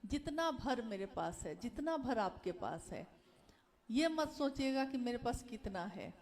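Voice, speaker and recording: A woman speaks to a devotional gathering in a high voice. She talks slowly and earnestly. She pleads with her listeners and repeats her key phrases. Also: very animated, darkish tone. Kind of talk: devotional talk.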